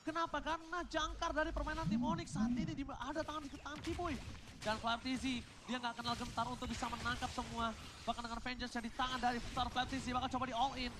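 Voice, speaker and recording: Indonesian esports caster doing hype fighting game announcer style, throws in english shouts, noisy background. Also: sits high, fairly even intonation, fast. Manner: exclaims in English amid Indonesian. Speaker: esports match commentator.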